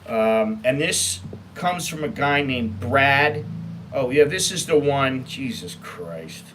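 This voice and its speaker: Slow-paced yet expressive, a mid-range American male voice comes through a noisy background. He hosts a laid-back online storytime show, reading emails aloud and commenting in a blunt, sweary, exasperated, emphatic manner.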